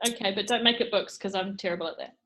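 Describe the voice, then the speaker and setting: A woman's voice: medium pitch, quick pace, fairly bright tone. A woman from New Zealand with a broad Kiwi accent, chatting casually as a guest contestant in a word game.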